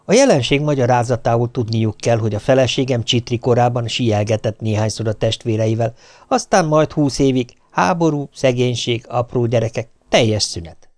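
Man, audiobook narration, wry storytelling, mid pitch, dead dry studio sound. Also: darkish tone, dry recording.

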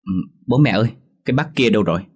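A man's voice: on the low side, expressive, racing, breathy edge, voice pushed up. A man voicing a small stubborn boy who talks with a childish lisp and insists on his story. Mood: insistent. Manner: lisping, insistent.

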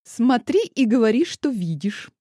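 A woman's voice: on the high side, big pitch swings, measured pace, dark tone, no room sound, pitched above the performer's own voice. A woman reading an audiobook voices a firm mother with a dry, sarcastic edge. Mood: stern. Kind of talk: audiobook character voice.

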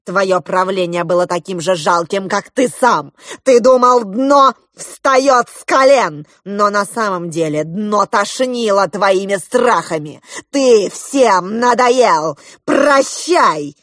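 A woman doing a slow, gloating crab villain. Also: mid-range voice, no echo, studio quality, natural voice. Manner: slow, loud, drawn-out menacing delivery.

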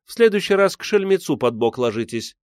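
A man's voice: a little high, sing-song, fairly quick, no room sound, clean studio sound, pitched above the performer's own voice. Man doing a bubbly, teasing young woman.

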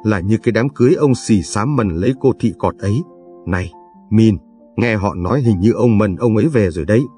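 A man reading aloud, voicing a frail, deaf, half-blind old village man who talks slowly and sounds puzzled. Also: on the low side, warm tone, soft background music, lightly acted. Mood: chatty. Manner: slow and puzzled.

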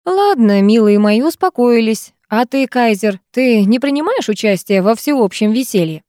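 A woman's voice: on the high side, lively intonation, moderate pace, warm tone, dry recording, clean studio sound, voice pushed up, close to an everyday voice. A woman voicing a weary male literature teacher who scolds his class with patient irony.

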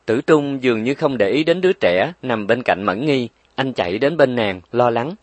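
A man narrating a story in a steady, expressive reading. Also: mid-range voice, normal speed, no room sound.

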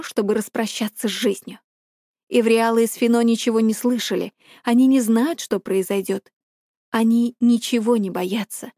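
A woman reading a myth aloud as a calm, brooding first-person narrator. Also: on the high side, no echo, clean studio sound. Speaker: audiobook narrator.

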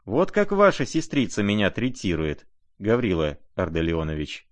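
A man's voice: on the low side, wildly swooping pitch, normal speed, dry recording. A man voicing a scornful society woman who teases with disdainful merriment. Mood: mocking. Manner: teasing, disdainfully merry.

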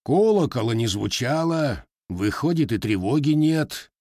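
A man's voice: medium pitch, expressive, unhurried, darkish tone, no room sound, pitched above the performer's own voice. Male reader as a proud cossack blacksmith, firm and scornful, dry close sound. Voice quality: firm, contemptuous.

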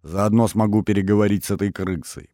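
A man's voice: fairly low pitch, steady tone, fairly quick, warm tone, no room sound, clean studio sound, natural voice. A man voicing a stubborn, insistent young hero in an audiobook. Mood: determined. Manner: determined, insistent.

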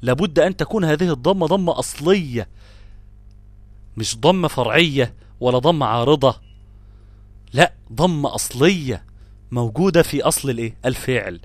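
An expressive man with a mid-range voice and an Egyptian Arabic accent teaches tajweed as a Quran recitation teacher, explaining grammar rules at a moderate pace with long pauses. He stresses example words, poses questions and answers them himself, and drifts between classical Arabic and colloquial asides. There's no echo.

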